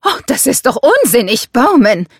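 A woman's voice: on the high side, big pitch swings, normal speed, breathy edge, dry recording, studio quality, voice pushed up, heavily acted. A woman reading the part of an indignant, heated mother in an audiobook.

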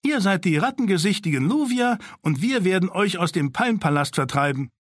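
A mean, domineering village girl snaps out orders and taunts in a high, pushy voice, as a male narrator puts her on. She hisses and grumbles with spite. The recording is dry and close. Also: animated, normal speed, no echo. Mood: bossy, spiteful. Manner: hissing, commanding, spiteful.

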